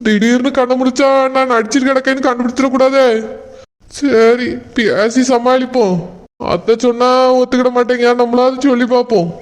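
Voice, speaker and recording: A man voicing a gentle, worried village husband lying in a hospital bed in a cartoon, with a Tirunelveli Tamil accent, talking weakly and sorrowfully. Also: very high voice, steady tone, moderate pace, clean tone. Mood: fretful. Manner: weak, sorrowful, soft-spoken. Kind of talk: cartoon voice acting. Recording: long reverb.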